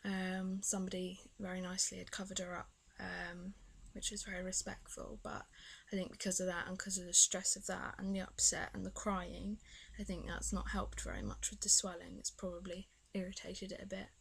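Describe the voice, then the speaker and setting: A woman's voice: lowish voice, flat delivery, fairly quick, creaky, a bit bright, slightly rough, rough recording. A young British woman chatting casually in a video diary, rambling and hesitant, her speech slightly impeded by a swollen tongue. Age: young adult. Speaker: vlogger.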